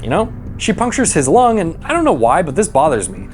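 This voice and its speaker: A man narrates a comedic movie recap in a sarcastic, irreverent way. His pitch moves around a lot, he swears freely, and music plays behind him. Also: very animated, fairly quick. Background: background music.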